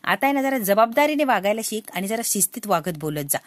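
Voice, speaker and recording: A woman's voice: mid-range voice, very animated, fast talker, no echo, lightly acted. A woman voicing an irritated young husband who scolds his wife and demands respect. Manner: scolding, exasperated.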